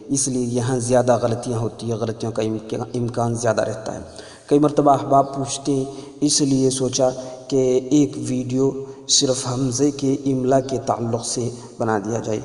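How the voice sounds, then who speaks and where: A man's voice: medium pitch, dark tone. A man giving a spoken grammar lesson as a teacher, patiently repeating key points for emphasis. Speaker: Arabic teacher. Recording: echoey room with long reverb.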